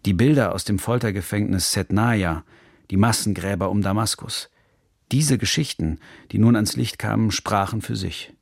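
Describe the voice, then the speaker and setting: Man, documentary narrator, gravelly, dry studio sound, measured and serious. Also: fairly low pitch, dry recording. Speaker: narrator of a radio feature. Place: recording studio.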